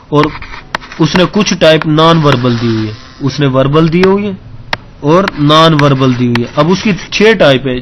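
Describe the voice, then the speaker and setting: A man's voice: a little high, slight background noise. A male teacher giving an exam-prep lecture, explaining step by step, often asking if students follow and mixing English terms into his talk. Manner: keeps checking understanding with questions.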